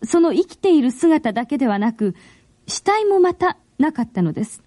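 Narrating a radio drama as if in a 1970s broadcast, a woman tells the story in a deliberate, expressive manner. Her voice sits high, and there is no room sound.

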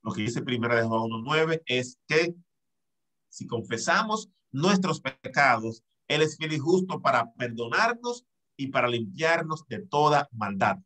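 A man's voice: mid-range voice, animated, measured pace, pushed and bright. A man in his forties preaching an earnest Bible study to young people from a bedroom at home, speaking into a webcam and gesturing with both hands. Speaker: youth Bible study teacher. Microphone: webcam on a video call.

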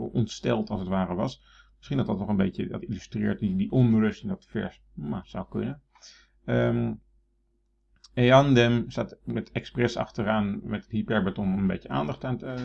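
A man's voice: on the low side, vocal fry, darkish tone, slightly rough, muffled recording. A man teaching Latin, thinking aloud with many fillers and restarts and reading verse aloud in a raised voice. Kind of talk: explaining a Latin text.

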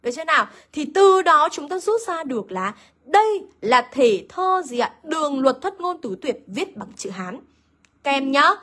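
In a high, sing-song voice with a fairly bright tone, a woman at a moderate pace explains a poem during an online literature lesson. She questions her students, then answers herself and repeats the main points.

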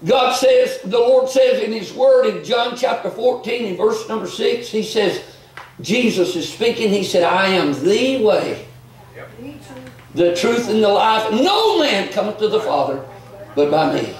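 A man preaching an animated sermon as a visiting preacher, shouting and chuckling as he goes. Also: sits high, a little slow. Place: church. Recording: echoey church recorded from far off.

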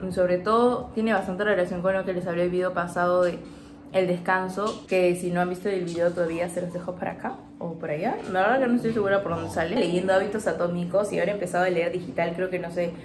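Her pitch runs low and her intonation stays fairly even as she talks quickly in a reverberant space. She's a talkative Peruvian vlogger in her twenties with a Peruvian Spanish accent, narrating her day in an upbeat, confiding way over background music.

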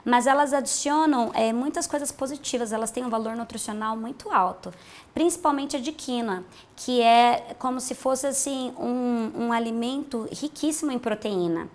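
In a bright room with big windows, a nutritionist in her thirties with a Brazilian accent talks diet for a TV health segment, miked with a lapel mic. Her pitch is slightly high and her pace moderate. She comes across as patient and plain-spoken, leaning on simple comparisons to explain.

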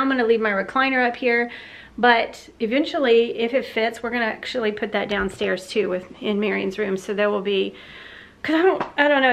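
A woman's voice: on the high side, creaky, fairly bright tone. A woman in her forties with a Southern American accent, chatting casually and rambling through a home vlog, filmed at arm's length in her living room. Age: 40s. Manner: chatty, rambling with many fillers and restarts. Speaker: home vlogger. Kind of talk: casual chat. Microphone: handheld camera at arm's length.

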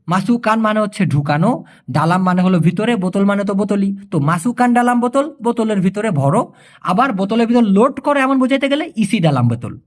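A man teaching in a casual video lesson, explaining each word slowly and repeating phrases, with the odd joke to the viewer. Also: sits high. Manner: jokes with the viewer. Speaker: language teacher.

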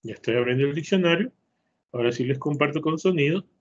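Speaking fast in a fairly high-pitched voice, a man with an Ecuadorian Spanish accent teaches children English online and patiently repeats words for pronunciation practice. The sound comes through a computer mic on a video call, muffled and lo-fi.

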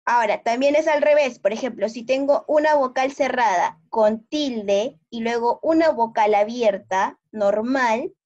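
With a slightly high, darkish voice at a measured pace and hardly any pauses, a woman teaching online walks young primary students through grammar. She has a Peruvian Spanish accent, checks their understanding often, and the audio is dull and lo-fi.

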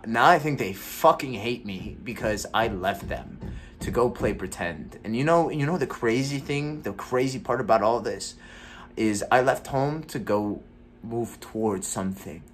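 A man's voice: sits low, normal speed, slight background noise, close to an everyday voice. A young man playing a gloomy, stressed struggling actor in a naturalistic, hesitant dramatic monologue. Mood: frustrated, despairing. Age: young adult. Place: small room indoors at home.

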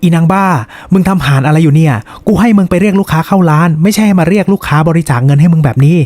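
Man doing a mocking masked demon merchant, raised, slow and scolding. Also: fairly high pitch, a little mellow, no room sound, close to an everyday voice. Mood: bossy.

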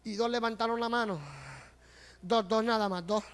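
Fervent high-pitched preacher. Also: male voice, steady tone, moderate pace, fairly bright tone, clean tone. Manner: fervent preaching, calls out to the congregation. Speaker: evangelist. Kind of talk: sermon.

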